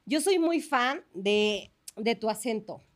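A woman's voice: a little high, lively intonation, slow. A woman co-hosting an interview podcast, playful and teasing with her guest. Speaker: podcast co-host. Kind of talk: casual interview chat.

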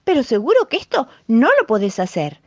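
A woman with a Rioplatense accent voicing a little male lion cub who talks in a high, hesitant voice full of eh's. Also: wildly swooping pitch, brisk, dry recording, highs cut off, heavily acted. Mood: excited. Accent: Rioplatense Spanish.

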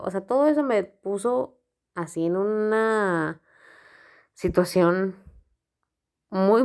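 A woman telling a personal story in a casual, frank way, full of filler words. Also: on the low side. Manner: frank, rambling, heavy use of filler words.

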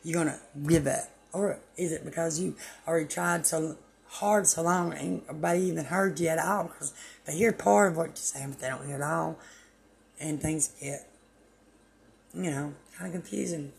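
A woman's voice: sits low, moderate pace, gravelly. A woman host delivering a rambling, preachy spiritual monologue on her own channel, meandering and self-deprecating.

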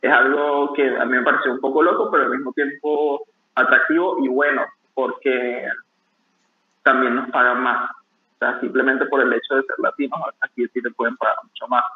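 A young man, a barista, talking casually in an interview, relaxed and rambling with many restarts. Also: medium pitch, moderate pace. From Venezuela. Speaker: barista guest. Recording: tinny phone-like call audio.

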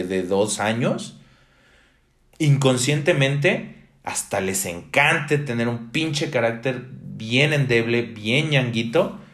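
Man, Mexican accent, young adult, slow deliberate pace, blunt, profane, emphatic, casual reflective monologue, echoey room. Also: mid-range voice, fairly bright tone. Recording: roomy echo.

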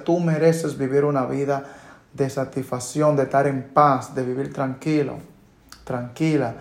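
A man's voice: mid-range voice, darkish tone. A man giving a motivational monologue as a personal finance coach, earnest and coaching, often repeating rhetorical questions. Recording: roomy echo.

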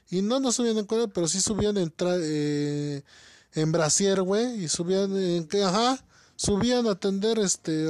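Young Mexican man, high voice, dry recording, casual slangy storyteller. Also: a little mellow, no echo. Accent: Mexican Spanish. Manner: slangy, laughing, peppers talk with "güey". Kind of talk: casual chat.

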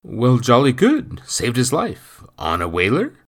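A man voicing a portly, nosy villager who blusters loudly through mouthfuls of food. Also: mid-range voice, wildly swooping pitch, unhurried, voice pushed up, heavily acted. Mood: blustering. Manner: loud, blustering, talks with his mouth full.

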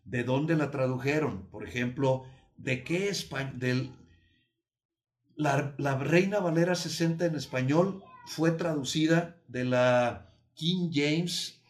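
A man preaching a sermon, teaching with emphasis and light humor, repeating key phrases and slowing down to stress them. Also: on the high side.

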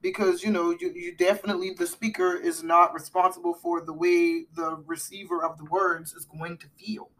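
A woman's voice: on the low side, fairly even intonation, moderate pace, hardly any pauses. A middle-aged woman co-hosting a podcast in casual chat, rambling with fillers and restarts. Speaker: podcast co-host.

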